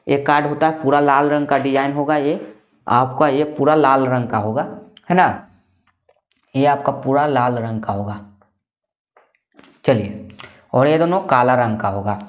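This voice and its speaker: A man's voice: medium pitch, a little slow, long pauses. Male maths teacher, casual explainer, repeats himself, answers his own questions.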